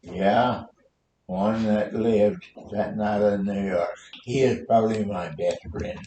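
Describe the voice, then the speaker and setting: An American man in his nineties, a war veteran, telling his memories in a halting, rambling old-timer way during an oral history interview. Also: fairly even intonation, mellow. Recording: roomy echo, faint noise and rumble.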